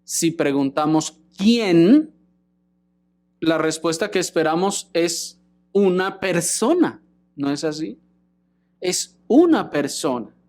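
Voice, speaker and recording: A man's voice: fairly high pitch, expressive, slow, darkish tone. A man preaching a sermon, teaching and putting rhetorical questions to the congregation. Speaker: pastor.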